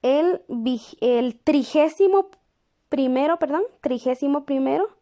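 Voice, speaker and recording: A woman teaching a lesson, speaking patiently and pausing to check in with the class. She repeats each word slowly while writing it down. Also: high-pitched, warm tone. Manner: checks in with the class through questions. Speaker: language teacher.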